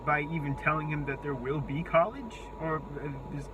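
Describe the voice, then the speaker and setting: Halting young man with a thin, squeaky voice. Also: muffled recording, background noise. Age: 20s. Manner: halting, searching for words, rambling. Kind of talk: unscripted monologue to camera.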